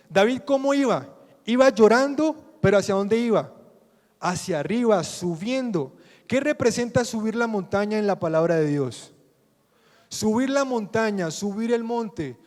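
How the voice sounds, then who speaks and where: A man with a Colombian Spanish accent preaches in a high, ringing voice. He keeps asking his listeners questions and then answers them himself. His words carry a long reverb, as in a large church hall. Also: a little mellow. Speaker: pastor. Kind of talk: sermon.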